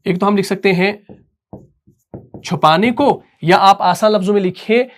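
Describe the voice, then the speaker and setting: In this dictated classroom lesson on Quran recitation, a man with a high voice speaks patiently, going over points more than once. He slows his delivery to dictate terms and keeps asking if everything is understood.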